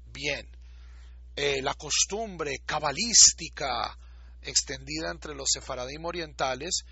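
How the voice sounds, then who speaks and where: Guy lecturing, bright edgy voice, a bit husky, dull lo-fi sound. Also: on the high side, dry recording. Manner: explanatory, repeats words to demonstrate pronunciation. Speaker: teacher. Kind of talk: recorded lecture.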